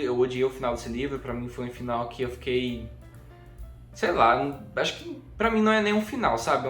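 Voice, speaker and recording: A young man with a Brazilian accent chatting casually as a book vlogger, informal and repeating phrases for emphasis. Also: on the high side. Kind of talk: casual chat to camera. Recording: echoey room with faint music.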